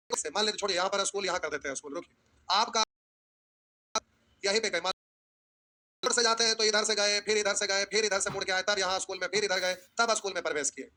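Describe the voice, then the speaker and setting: High, bright-voiced math teacher drilling a class. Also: male voice. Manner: drills the class in call-and-response, scolds and jokes with students. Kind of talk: classroom lecture.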